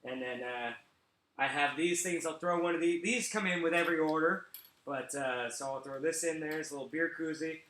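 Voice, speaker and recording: A man tells jokes in a loose, offhand way, tossing in dry asides. His voice sits a bit high and bright. The room around him is echoey. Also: brisk, slight background noise. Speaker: stand-up comedian. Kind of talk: live-stream stand-up and banter.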